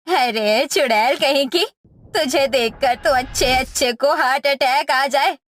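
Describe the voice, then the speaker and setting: A woman voicing a sharp-tongued middle-aged mother-in-law in a cartoon story, hurling mocking insults. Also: high-pitched, slow. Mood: scornful.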